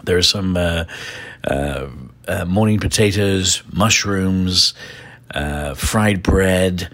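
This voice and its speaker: A man with an English accent and a very low voice talks through his picks at an easy pace, stopping often for filler uhs. He sounds loose and unscripted. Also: takes it slowly, fairly bright tone. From England. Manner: rambling, many filler uhs. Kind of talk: casual recommendations list.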